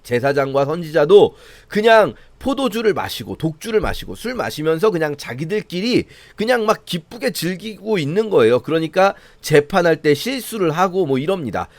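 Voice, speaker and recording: A male pastor walks through scripture in a relaxed, conversational sermon, his pitch swinging widely and sitting a little high for a man. The sound is dry and close, with no room around it. He slips into mocking voices when he quotes the scoffers. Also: normal speed, gravelly, hardly any pauses, dry recording. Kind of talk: sermon-style Bible reading commentary.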